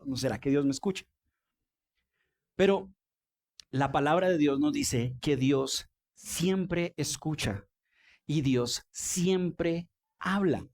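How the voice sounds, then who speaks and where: Colombian pastor, mid-high conversational sermon. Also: male voice, darkish tone. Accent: Colombian Spanish. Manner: conversational, asks the congregation questions. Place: church.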